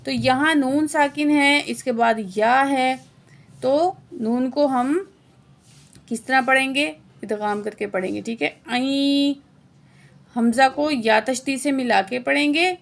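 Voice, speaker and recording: Speaking in a high, creaky voice, a woman walks through Quran recitation word by word. She spells out each letter and vowel mark and chants slowly and drawn out, dropping quick, quieter asides to answer the quiz questions she poses herself.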